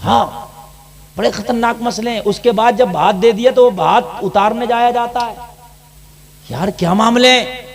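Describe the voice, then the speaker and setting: Brief: male preacher from India, very high voice, fiery sermon delivery that swells into shouting. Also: normal speed, pauses often, slight background noise. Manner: fiery, rising to shouts, addressing the crowd directly. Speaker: mufti preacher. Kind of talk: sermon to a gathering.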